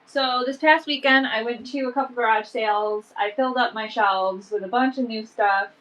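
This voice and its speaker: An online vintage seller hosts a casual live sale from home, her voice sniffly and stuffed up from allergies. She speaks at normal speed with a fairly high, fairly bright voice, chatting along with lots of "um" and "like." The recording is rough.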